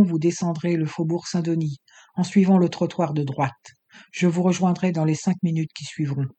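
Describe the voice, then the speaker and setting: A hushed, urgent male rescuer disguised as a prison guard in a storybook, as a male narrator puts him on. He gives quick, calm orders under his breath, in a mellow, slightly husky voice. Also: a little high.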